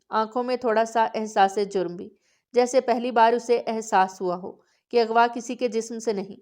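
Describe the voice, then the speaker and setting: A woman reading a romance novel aloud in calm, even storytelling narration. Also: on the high side.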